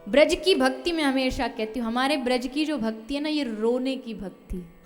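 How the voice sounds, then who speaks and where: A woman preacher telling a devotional story in a sermon, emphatic and expressive. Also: high voice, normal speed, faint music behind.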